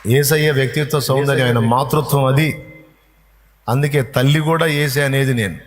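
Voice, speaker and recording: A man's voice: mid-range voice, steady tone, moderate pace. A male pastor preaching a sermon, emphatic and repetitive as he drives each point home. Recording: long hall reverb.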